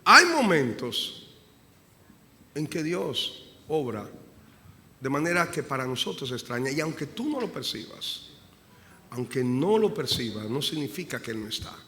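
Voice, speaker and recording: A male pastor preaching a sermon with passion. He swings from hushed prayer to loud emphasis and repeats phrases to drive them home. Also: mid-range voice, sing-song, measured pace, long pauses. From Dominican Republic. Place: church sanctuary. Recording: live church recording with long reverb and faint room noise.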